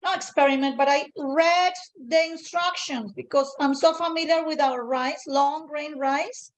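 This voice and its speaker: A woman with a distinctly high voice and a Colombian accent, a native Spanish speaker. She walks through a home cooking demonstration in a chatty, informal way, often repeating a phrase to stress it. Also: unhurried. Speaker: cooking show host, home cook. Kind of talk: casual cooking demonstration chat.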